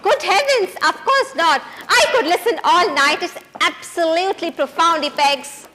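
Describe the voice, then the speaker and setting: A woman's voice: extremely high pitch, measured pace, bright, forceful tone, a little hiss or hum, full character voice. A woman playing a prim young fiancée who gushes and pries. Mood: gushing. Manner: gushing and prim. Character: suspicious, gushing young English fiancée. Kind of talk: amateur stage comedy acting.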